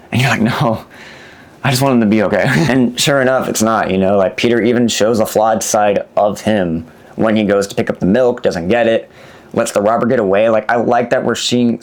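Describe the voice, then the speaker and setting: A man giving a casual, enthusiastic movie review and swearing freely as he talks. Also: fairly low pitch.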